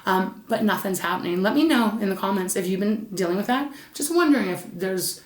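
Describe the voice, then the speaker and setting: A woman gives an animated, fairly quick tarot reading that stays casual, chatty, and soothing, and she calls the listener "Saggy." Her voice is medium-pitched, slightly scratchy, and stuffed up. The recording has an echoey room sound.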